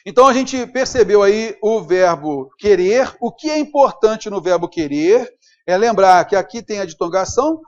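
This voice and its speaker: A man with a Brazilian Portuguese accent teaching a grammar lesson at a whiteboard, upbeat and checking in with his students. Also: high voice. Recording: dull lo-fi recording.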